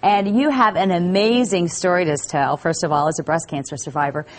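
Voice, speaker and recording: A woman hosting a morning TV show, interviewing her guests in an upbeat, warm way. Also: lowish voice, brisk.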